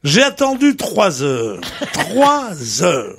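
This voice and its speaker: An older man, a regular panelist on a radio talk show, tells an animated, colorful anecdote and acts out the lines of the people in it. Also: high voice, extremely slow, gravelly, slight background noise. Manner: colorful, boastful storytelling, acting out the others' lines. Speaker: regular panelist telling a story.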